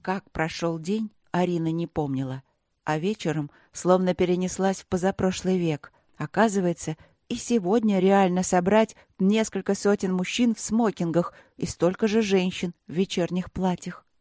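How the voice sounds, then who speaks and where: A woman reads a novel aloud with steady, even storytelling. Her voice sits a little low, and the recording is close and dry. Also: moderate pace, no echo. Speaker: audiobook narrator. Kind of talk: audiobook reading.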